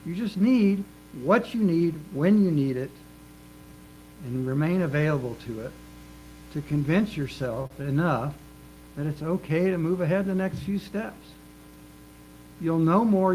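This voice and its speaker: A man's voice: a little high, darkish tone, rough recording. A man preaching a sermon in an earnest, emphatic way, repeating phrases for rhythm. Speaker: minister. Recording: faint mains hum.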